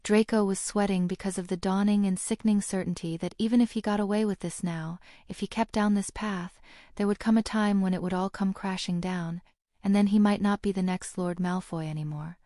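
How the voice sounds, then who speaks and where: A woman reading an audiobook in a steady, even narrating voice. Her tone is mellow and dark. The recording is close and dry, with no room sound. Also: medium pitch, fairly quick, no echo. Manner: steady, even storytelling delivery.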